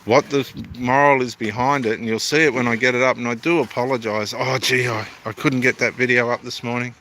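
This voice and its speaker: Speaking fairly quickly in a steady, bright and forceful mid-range voice, the Australian theologian chats meanderingly to camera beside the water at a construction site. He is homely and self-deprecating, and the rough recording carries a little hiss or hum.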